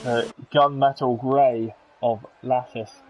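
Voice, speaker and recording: Excitable race commentator. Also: male voice, medium pitch, slow. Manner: excitable, chatty with jokey asides. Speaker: sim racing league commentator. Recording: game engine noise under the voice. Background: racing car engine sounds from the game.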